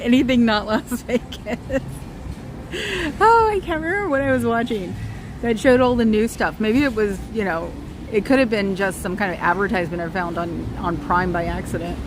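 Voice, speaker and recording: Out on a San Francisco street, a woman livestreams in a chatty, digressive way, calling out to passers-by as her voice gives out. She speaks at a moderate pace with an expressive, medium-pitched voice, and traffic noise fills the outdoor recording.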